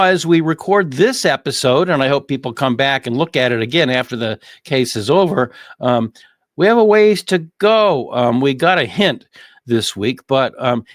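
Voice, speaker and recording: In clean studio sound with no echo, a man with a fairly high, slightly bright voice hosts a legal commentary show. He discusses a criminal trial conversationally, repeating phrases for emphasis.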